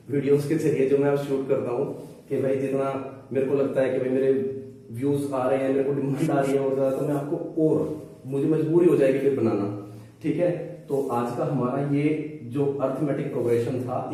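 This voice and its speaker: A man's voice: mid-range voice, dark tone. A man teaching a maths lesson, patient and reassuring as he talks his students through each step. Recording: echoey room, distant mic.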